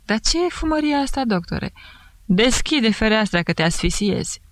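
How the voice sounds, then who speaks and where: A woman's voice: a little high, expressive, dry recording, pitched above the performer's own voice, natural voice. A woman voicing a jovial male investigating judge who teases and mocks, with a thick voice. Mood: bantering. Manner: bantering, mocking.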